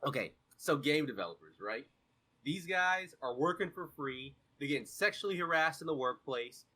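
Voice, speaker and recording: A man's voice: a little high, expressive, moderate pace, bright, forceful tone. A man co-hosting a casual gaming podcast, ranting sarcastically and swearing often. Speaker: podcast co-host.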